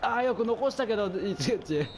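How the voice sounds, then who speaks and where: A man doing casual commentary over a football video game, chatting to his viewers and reacting out loud to the plays, his voice getting hoarse. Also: high voice, lively intonation, fairly quick, a little hiss or hum. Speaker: gameplay commentator.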